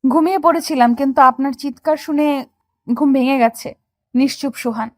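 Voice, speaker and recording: Actress doing a young wife, earnest, questioning, high voice, dry close mic, storytelling. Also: female voice, normal speed, no room sound, lightly acted. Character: young wife, hurt and puzzled. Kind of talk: Bengali audio story narration and acting.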